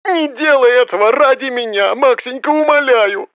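A man's voice: animated, normal speed, dry recording, highs cut off. A man reading an audiobook, voicing a fretful, snobbish middle-aged mother who wails and pleads. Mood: pleading. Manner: wailing, pleading, high-pitched.

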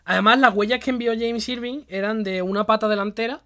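Bright high-voiced man explaining. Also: steady tone, brisk. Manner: explains at length, laughs often. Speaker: podcast co-host. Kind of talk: casual comedic chat.

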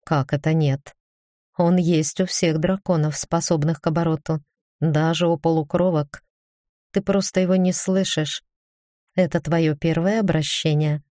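A woman reading the part of a stern but caring female academy dean in an audiobook, firm and brisk, then gently coaxing. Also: low-pitched, fairly even intonation, no room sound, clean studio sound.

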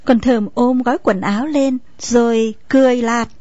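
A woman narrating a story in a steady storytelling manner. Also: on the high side, moderate pace, dry recording. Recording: dull lo-fi recording, faint music.

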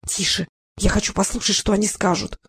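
A reader voicing a frustrated young woman who speaks in a hushed, hesitant way. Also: mid-range voice, moderate pace, breathy edge, no room sound.

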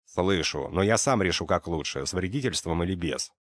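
A man's voice: low-pitched, expressive, moderate pace, a bit bright, dry recording, studio quality. A man reading a cold domineering rich man. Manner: curt, clipped, commanding.

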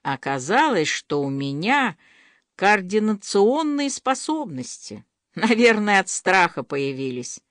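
A woman voicing a quiet, gentle young man in a storybook reading, speaking softly. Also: mid-range voice, big pitch swings, slow, no room sound, studio quality. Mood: quiet, shy. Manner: quiet, soft-spoken.

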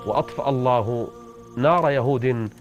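A man's voice: normal speed, dull audio, music in the background. A man preaching and retelling an old story with dramatic rises in his voice. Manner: dramatic storyteller, rising pitch at tense moments. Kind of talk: religious storytelling sermon.

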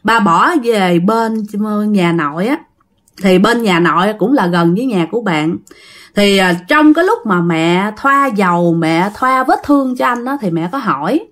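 Animated Southern Vietnamese woman storyteller. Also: medium pitch, measured pace. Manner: animated, dramatic exclamations. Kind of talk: casual spoken storytelling to listeners.

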